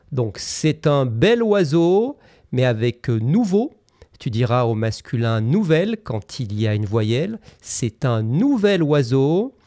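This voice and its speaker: A man teaching common mistakes in a scripted lesson, saying each example sentence slowly and carefully. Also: mid-range voice, mellow, no echo, clean studio sound. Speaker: French teacher.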